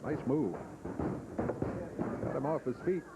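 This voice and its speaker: A man announcing a tag team match and calling the action in steady play-by-play commentary. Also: mid-range voice, slow pace, muffled recording. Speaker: wrestling commentator. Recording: hissy 1980s TV broadcast.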